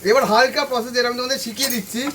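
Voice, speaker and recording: Man, very high voice, quick repetitive cooking instructions, recorded from a distance, frying sizzle behind. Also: fairly even intonation, background noise. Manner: repetitive, instructive, addresses viewers directly. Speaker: home cooking channel host. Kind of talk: step-by-step cooking demonstration. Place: home kitchen at the stove. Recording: voice from a distance off the mic. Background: frying sizzle and stirring.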